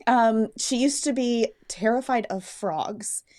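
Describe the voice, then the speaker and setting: A woman's voice: a little high, slow pace, darkish tone. A woman podcast co-host chatting in an amused way. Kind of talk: casual chat.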